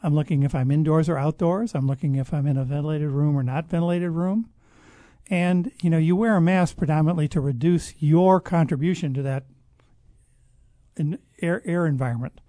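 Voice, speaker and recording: A man speaking as a guest expert in a conversational interview, explaining at length in a measured way and often restarting his sentences. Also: fairly high pitch, warm tone, dry recording. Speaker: guest expert on public health.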